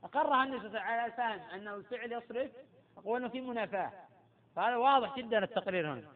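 High-voiced sheikh lecturing over a tinny line. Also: male voice, rapid-fire. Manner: quizzes students and repeats key points. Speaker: sheikh teaching Islamic jurisprudence. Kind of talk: classroom lecture with questions to students. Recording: tinny phone-like lecture recording.

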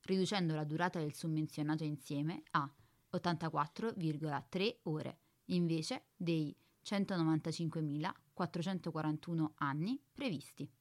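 In a radio drama, a woman voices a spaceship computer that is calm and precise, speaking flatly, formally and bureaucratically. Her natural voice sits low and moves at normal speed.

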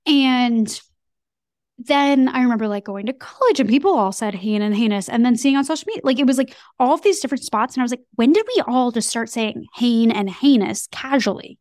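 A young woman co-hosting a casual podcast chat, talking in an animated way with many fillers. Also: fairly high pitch, brisk, no room sound, clean studio sound. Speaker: co-host. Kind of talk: casual chat, reads news in a newscaster voice.

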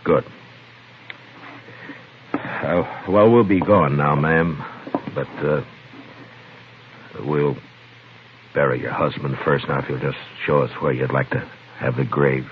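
An actor playing a steady, terse Old West marshal in a vintage radio western. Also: male voice, a bass voice. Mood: calm, grave. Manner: measured, terse, understated. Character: steady, laconic Old West lawman, firm and calm. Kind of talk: old-time radio western acting and narration. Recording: noisy, narrow-band old radio recording.

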